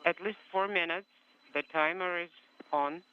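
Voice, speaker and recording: A man's voice: high-pitched, normal speed. A man interpreting live over a crackly space-to-ground radio link, stumbling and correcting himself mid-word. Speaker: interpreter on the mission radio loop. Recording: muffled noisy radio channel.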